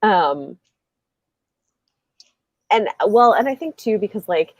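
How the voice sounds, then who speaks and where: Over an indoor livestream video call, this live show host runs a casual book discussion, thinking out loud and rambling with many fillers. She speaks slowly in a sing-song, mid-range voice with no echo.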